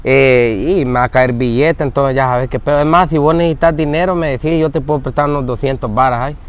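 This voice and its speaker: A man's voice: mid-range voice, fast talker, clear, resonant tone. A man acting in a comedy sketch, talking in slangy, pleading banter outdoors near traffic.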